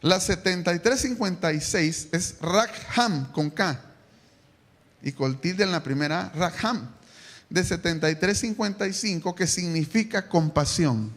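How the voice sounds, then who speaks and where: A man preaching a sermon to his congregation, animated, asking them questions and bursting into shouts. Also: sits high, unhurried. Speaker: pastor. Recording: echoey church hall, live stream.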